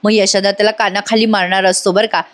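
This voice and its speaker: A woman's voice: mid-range voice, level tone, fast talker. A woman narrating a voice-over episode recap in a chatty, storytelling way, with frequent asides to her viewers. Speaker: serial review narrator.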